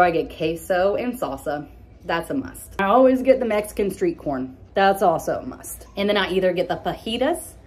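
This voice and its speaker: A woman's voice: lowish voice, darkish tone, slight background noise. A young woman with a lisp, casually answering follower questions in a candid, blunt vlog.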